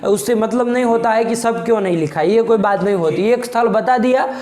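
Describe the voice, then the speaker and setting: High-voiced teacher drilling students, echoey room. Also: male voice, fairly quick, darkish tone. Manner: quizzing and scolding students, repeating prompts. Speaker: Sanskrit logic teacher. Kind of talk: classroom teaching.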